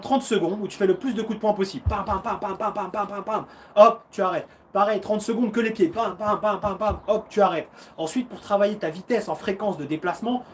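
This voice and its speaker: A karate fighter and coach in his thirties hosts a casual live Q&A from home in a high-pitched voice, with a little hiss or hum on the recording. Upbeat, encouraging and chatty, he uses slang and acts out punches and footwork with little sounds.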